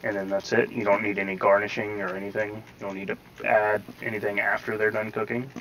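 A male gaming tutorial host gives laid-back gameplay commentary, rambling from step to step and hedging at times. His fairly low, fairly bright voice is fairly quick and shows little pitch movement. Faint background noise and slightly robotic processing mark the poor audio.

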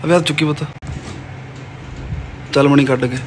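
A man's voice: a little high, steady tone, moderate pace, slight background noise. A young man, casually teasing his wife and nephew while showing their wedding album in a home vlog. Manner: teasing, playful banter. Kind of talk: casual family vlog chat.

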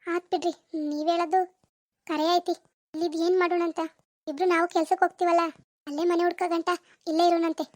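A woman voicing a gentle young village wife in a cartoon, with a North Karnataka accent and a soothing, reassuring manner. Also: very high voice, little pitch movement, quick pace, pauses often, no echo, studio quality. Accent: North Karnataka Kannada.

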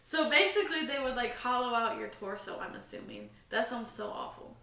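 Bright-voiced young woman, rambling podcast chat. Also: a little high, a little fast, vocal fry. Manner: rambling, self-deprecating, lots of fillers. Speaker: podcast co-host. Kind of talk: casual chat. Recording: roomy, slightly distant mic with faint hiss.

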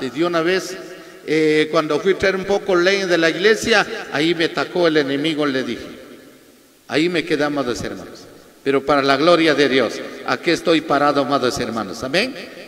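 A man's voice: fairly high pitch, fairly bright tone. A man, a pastor, preaching a testimonial sermon with fervor, repeatedly addressing the congregation and calling out questions to them. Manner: fervent, repeats "amados hermanos" often. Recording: long reverb of a hall.

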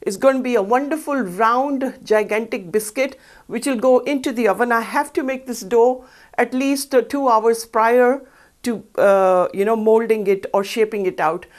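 A middle-aged woman walks viewers through a recipe on a studio kitchen set. Her voice sits a little high, and she talks in a chatty, upbeat way into a lapel mic. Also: moderate pace, a little mellow. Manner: chatty, upbeat, explains each step while working. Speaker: cooking show host. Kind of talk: cooking demonstration.

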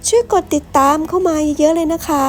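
A woman's voice: very high voice, a little fast, a little mellow, soft background music. A woman from Ratchaburi narrating a travel vlog, speaking politely and often addressing her viewers directly. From Ratchaburi, Thailand. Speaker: travel vlogger.

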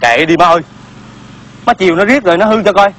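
A man's voice: high-pitched, fast, fairly bright tone, faint music behind. An actor playing a grown son of about thirty who mocks his sister and talks back to his mother. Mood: mocking. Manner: gruff, mocking. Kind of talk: Vietnamese reformed opera comedy acting.

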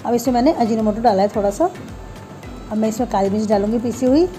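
A woman narrates a home recipe, explaining every step plainly and homely. Her voice sits a touch high yet sounds mellow and warm in tone, with faint background music. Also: fast. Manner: homely, talks viewers through each step. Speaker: home cooking channel host.

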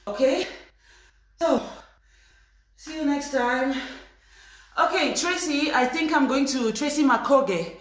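Young female fitness vlogger, higher voice, hesitant and informal, strong room echo. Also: lively intonation, slow pace, long pauses. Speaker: live video host. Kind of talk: casual live fitness chat. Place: indoors, tiled room at home. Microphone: phone a few steps away. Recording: very echoey bare room.

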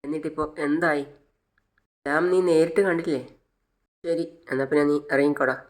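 A man's voice: fairly high pitch, steady tone, a little fast, close to an everyday voice. A man playing a remorseful young son pleading with his family in a retold serial. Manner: apologetic, pleading.

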